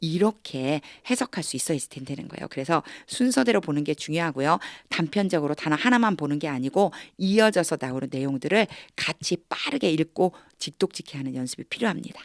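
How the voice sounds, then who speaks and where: A woman teaching English through Bible verses, explaining step by step and reading English lines slowly. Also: sits low, animated, no room sound, clean studio sound. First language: Korean.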